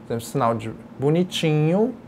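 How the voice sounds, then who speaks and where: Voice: mid-range voice, animated, normal speed, vocal fry, a little hiss or hum. A sign language teacher giving a recorded distance-learning lecture, explaining patiently and step by step while demonstrating signs. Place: educational video studio.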